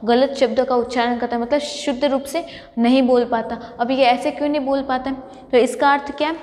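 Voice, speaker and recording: A woman lecturer gives a college lesson in a high voice. She works through each point by asking a question and then answering it herself. The recording carries the long echo of a large hall. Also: fairly even intonation, fairly quick, darkish tone. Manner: explains by asking and answering her own questions. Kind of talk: classroom lecture.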